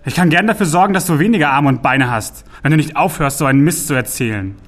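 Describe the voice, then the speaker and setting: A man voicing a big grim male troll who speaks in loud, drawn-out threats for an audiobook. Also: a little high.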